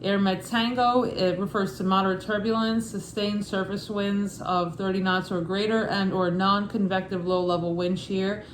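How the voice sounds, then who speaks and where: A woman's voice: mid-range voice, fairly even intonation, moderate pace, few pauses. A woman with a Brooklyn accent reads a study guide aloud as an informal lesson, casual and matter-of-fact, with offhand asides. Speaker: instructor reading a study guide. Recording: echoey room with faint background noise.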